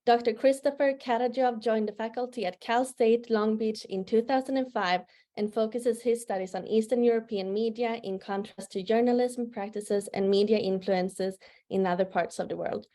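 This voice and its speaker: A woman's voice: a little high, steady tone, moderate pace, warm tone. A woman presenting an event, giving a scripted welcome in a formal, prepared way. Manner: formal, reads prepared remarks. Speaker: museum associate director, event presenter.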